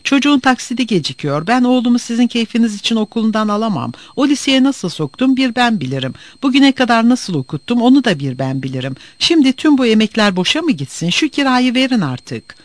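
A timid yet stubborn old landlady pleads for what she is owed, quick and insistent, her voice pitched high and swinging widely, as a man puts her on. The reading is dry and close. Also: sing-song, dry recording. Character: timid but pushy old landlady woman.

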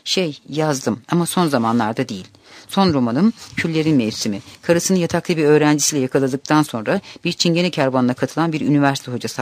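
Calm male audiobook narrator. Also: medium pitch, no room sound. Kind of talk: scripted narration of a novel.

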